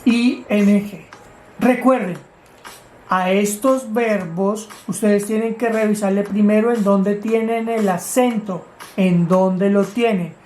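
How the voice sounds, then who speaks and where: A woman's voice: medium pitch, steady tone, slow, darkish tone, slight background noise. A woman teaching grammar, explaining rules step by step in a patient way and asking her students questions. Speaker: English teacher.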